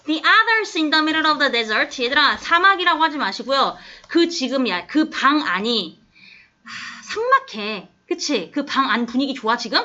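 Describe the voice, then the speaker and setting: A woman's voice: high-pitched, expressive, moderate pace, sharp tone. A woman teacher explaining an English text to a classroom of students, coaxing them and checking often whether they follow. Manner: coaxing, keeps asking the class if they understand. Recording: dull lo-fi classroom recording.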